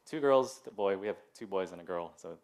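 A man's voice: sits low, lively intonation, brisk, a little mellow. Man, pastor, casual sermon, chatty, laughing asides, church sanctuary.

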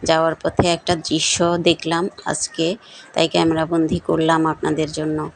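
A middle-aged woman narrating her cooking and family day in an unhurried, flat way with small pauses. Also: sits low, creaky, a little hiss or hum, poor audio. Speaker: family vlogger.

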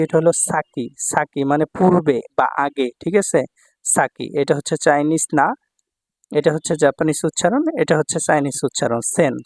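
A man's voice: a little high, darkish tone, dry recording, clean studio sound. A male Japanese language teacher explaining kanji patiently, repeating words and often checking that students follow. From Bangladesh.

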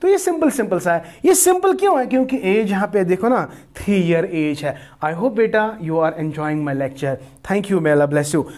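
A man's voice: high-pitched, animated, a little mellow. A man teaching a class, explaining step by step, asking and answering his own questions, and turning many sentences into rising checks with his students. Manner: explains slowly, addresses students as "beta". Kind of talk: classroom lecture.

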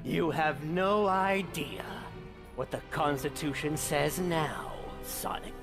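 A man's voice: on the high side, takes it slowly, creaky, over music. A man voicing a brooding, power-mad hedgehog antihero with pompous declamation in an improvised comedy game dub. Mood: grandly smug.

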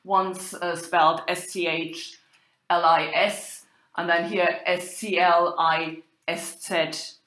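This is a woman teaching medieval German literature at university, her informal lecture weaving in quoted text. With a German accent, she's slow and halting, pausing often; her lowish, slightly bright voice shows little pitch movement, and the recording echoes in a roomy space.

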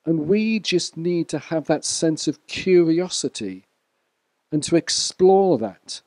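A man preaching a sermon to a church congregation in a measured way, sometimes speaking to people in the room. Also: on the high side, lively intonation, a little mellow, no room sound. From Wales.

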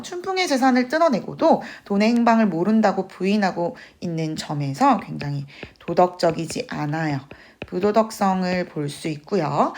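A woman literature teacher lecturing to students with a slightly hoarse, sunk voice, acting out quoted lines. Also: on the low side. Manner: animated, acts out quoted lines in character voices. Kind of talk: classroom lecture on classic Korean fiction.

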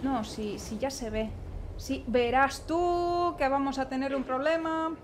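A young woman, commentating her own gameplay with a high voice. She talks nervously to the characters on screen and exclaims often. Faint background noise sits behind her. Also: unhurried. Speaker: gaming streamer. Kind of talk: let's play commentary.

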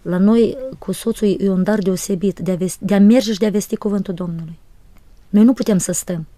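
A woman from Moldova, a guest speaking earnestly and softly about her ministry alongside her husband. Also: medium pitch, fairly even intonation, no echo. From Republic of Moldova. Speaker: guest, evangelist's wife. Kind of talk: interview testimony.

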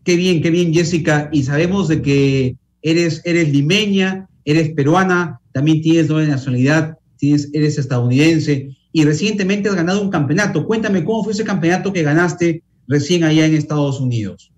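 A middle-aged man anchoring a live television news interview. His voice sits a little high for a man, and his delivery is formal and polished, in the manner of a studio presenter. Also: normal speed, hardly any pauses, a little mellow, lo-fi sound.

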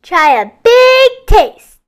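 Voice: very high voice, big pitch swings, very slow, faint music behind, exaggerated voice. A performer voicing an eager, pushy cartoon character who coaxes a friend to taste slop. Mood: coaxing. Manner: coaxing, bouncy.

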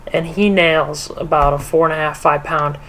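A man's voice: fairly high pitch, steady tone, normal speed, a bit bright, a little hiss or hum. A young man hosting a casual fishing vlog, talking straight to viewers on an action camera. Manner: enthusiastic, addresses viewers directly. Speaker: fishing vlogger. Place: indoor den, then outdoors on a farm pond.

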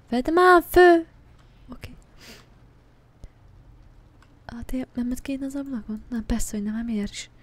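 A woman's voice: on the high side, dark tone. Jumpy, swearing woman playing a horror game. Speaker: gaming channel host. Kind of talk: horror game let's play commentary.

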